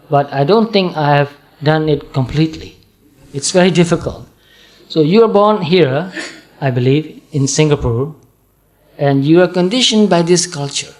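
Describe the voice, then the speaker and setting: Calm Burmese-accented monk, slightly high voice. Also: male voice. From Burma. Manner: calm, patient, repeats points slowly. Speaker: Buddhist monk teacher. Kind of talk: dharma talk to an audience.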